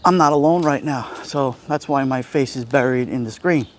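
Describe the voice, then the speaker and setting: Walking a city street outdoors, a middle-aged livestream host with a Brooklyn Italian-American accent talks casually and replies to his viewers. He speaks in a mid-range voice at a moderate pace, over street ambience and passing vehicles.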